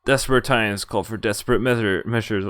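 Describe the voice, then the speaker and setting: A woman streamer with a rumbling low voice reads visual novel text aloud fairly quickly and expressively, tossing in casual, sweary asides of her own. The game's visual novel music plays behind her voice.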